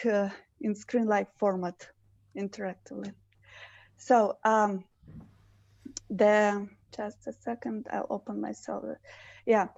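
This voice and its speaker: Russian-accented woman lawyer presenting over video call; slow, mellow, halting delivery. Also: mid-range voice, dry recording. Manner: hesitant, many fillers and restarts. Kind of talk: online presentation. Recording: muffled video call audio.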